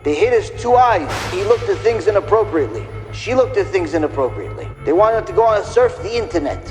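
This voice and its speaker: A man's voice: high voice, expressive, fairly quick. A man giving an emphatic religious lecture as a rabbi, acting out quoted people in short scenes. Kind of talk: religious lecture on punishment after death. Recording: long reverb with faint music behind.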